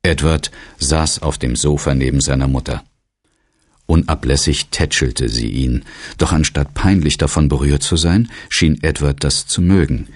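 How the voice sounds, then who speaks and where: A man reading an audiobook novel as narrator in a measured, even storytelling manner. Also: very deep voice, dry recording, clean studio sound. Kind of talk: scripted narration.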